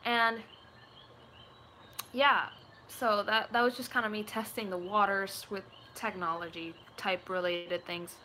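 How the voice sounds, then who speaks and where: Talking to her viewers from a small room at home, this twenty-year-old video creator from Puerto Rico rambles playfully in a casual live chat, adopting put-on accents and voices like a vlogger. She speaks at a measured pace in a steady, mid-range voice with a bright, forceful tone. The home webcam audio is noisy.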